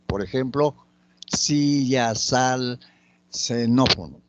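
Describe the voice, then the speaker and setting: Male teacher, patient and methodical, mid-pitched, dull lo-fi recording. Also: no echo. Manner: slow, patient, spelling out example words. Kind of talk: spoken grammar lesson.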